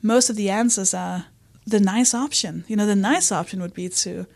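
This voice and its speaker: Appearing as an interview guest, a female comedian and writer talks openly and with animation in a mid-range, creaky voice at a moderate pace. She often quotes herself and others, performing the lines in her own voice.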